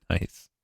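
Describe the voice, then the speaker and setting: The recording is clean studio sound with no room echo. A young man from Canada's Maritimes chats casually during a game stream, thinking out loud and swearing now and then.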